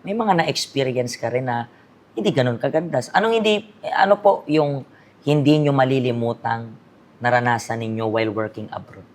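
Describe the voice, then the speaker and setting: Very low-pitched woman pastor hosting a church interview, reflective and probing. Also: normal speed, a little mellow. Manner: mixes English into questions, many "parang" fillers, rephrases the guest's answers back.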